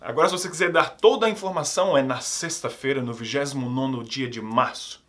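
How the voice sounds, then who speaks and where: A man teaching English, quick in his explanations and slow and clear when he models words for repetition. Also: mid-range voice. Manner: drills words slowly for students to repeat; explains quickly in a lively, upbeat way. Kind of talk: online English lesson for Portuguese speakers.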